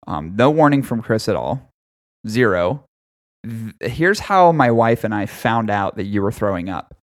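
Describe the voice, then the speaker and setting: A man's voice: lowish voice, very animated, unhurried. A man in his thirties chatting casually on a podcast, teasing and cross-examining his friend. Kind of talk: casual chat.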